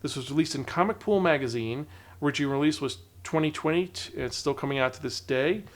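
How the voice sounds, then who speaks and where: A man hosting a podcast, giving a casual, animated manga review and acting out quoted characters. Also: quick pace. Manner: animated, acts out quoted characters with raised pitch.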